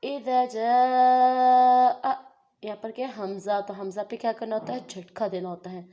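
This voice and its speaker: A woman teaches Quran recitation step by step. She chants phrases slowly and stretches them out, then explains each rule by asking and answering her own questions. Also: medium pitch, steady tone, lo-fi sound. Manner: slow, drawn-out recitation between patient explanations. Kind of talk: step-by-step tajweed lesson.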